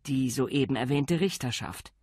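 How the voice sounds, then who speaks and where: A man's voice: medium pitch, lively intonation, darkish tone, slightly rough, dry recording, studio quality. A man reading an audiobook, voicing a nervous young village constable who speaks hesitantly. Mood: timid. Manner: hesitant, slow, timid. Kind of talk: audiobook character voice.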